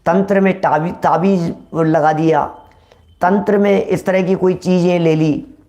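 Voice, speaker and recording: A man's voice: high-pitched, steady tone, measured pace, darkish tone. A man giving a religious discourse, explaining in a repetitive way and addressing listeners familiarly. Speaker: religious lecturer.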